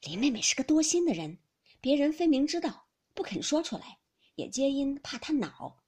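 A woman's voice: high voice, big pitch swings, normal speed, a little mellow, voice pushed up. A woman reading a classic novel aloud, voicing an earnest young nobleman who pleads anxiously with his cousins. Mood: pleading.

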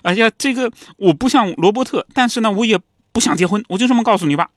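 A man's voice: fairly high pitch, sing-song, brisk, a bit bright, dry recording, clean studio sound, voice pushed up. A man voicing a young aristocratic officer who dodges his parents with hesitant, stammering talk. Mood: flustered. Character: young aristocratic officer son, evasive and polite.

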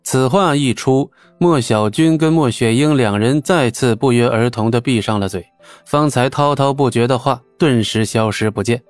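A man narrating an audiobook in a steady, even storytelling manner. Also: medium pitch, normal speed, dry recording, soft background music.

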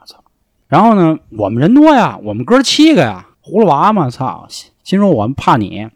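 A young guest storyteller recounts a rowdy episode from his school days in casual conversation, swearing freely. His pitch jumps up and down as he mimics the shouting. The sound is close and dry, with no room tone or echo.

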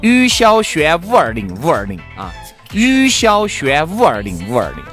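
A man's voice: on the high side, wildly swooping pitch, moderate pace, a bit bright. A man with a Sichuanese accent co-hosting a radio talk show, bantering in a teasing, jokey and exclamatory way. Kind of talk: bantering casual chat. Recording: music bed behind the voice.

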